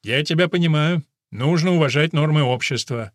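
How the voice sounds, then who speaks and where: A man's voice: fairly high pitch, moderate pace, no room sound, close to an everyday voice. A man doing a breezy, patronizing middle-aged father. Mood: smug. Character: smug, cheerful middle-aged father, condescending charmer.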